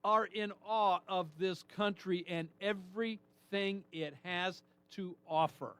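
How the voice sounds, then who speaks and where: A man's voice: sits high, slow pace, a bit bright, clear, resonant tone. A man hosting a talk radio show, delivering an indignant, emphatic monologue full of rhetorical questions.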